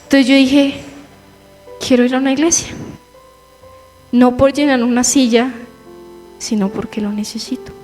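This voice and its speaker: A young woman giving a personal testimony in church, telling her story with lively quoted asides. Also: high voice, unhurried, pauses often. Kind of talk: testimony sermon. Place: church hall. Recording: reverberant church hall with faint music.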